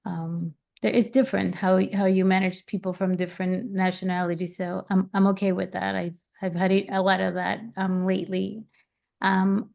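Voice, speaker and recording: A middle-aged woman from Puerto Rico introducing herself as a realtor on a webinar, relaxed and full of ums. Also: medium pitch, creaky.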